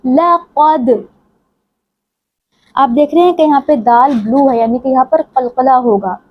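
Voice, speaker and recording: High-voiced woman teaching recitation. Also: highs cut off. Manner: explains rules quickly, then recites verses slowly and melodically. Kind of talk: tajweed lesson with chanted recitation.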